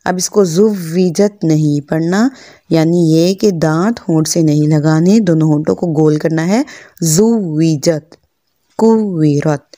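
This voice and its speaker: Slow, mellow-voiced woman teaching recitation. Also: low voice, dry recording, clean studio sound. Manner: patient, drawn-out practice words, careful articulation. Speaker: Quran teacher. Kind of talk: slow step-by-step pronunciation lesson.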